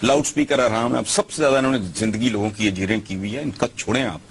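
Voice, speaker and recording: A man's voice: medium pitch, fast talker, a little hiss or hum. A man giving scornful opinion commentary, lecturing with rhetorical questions.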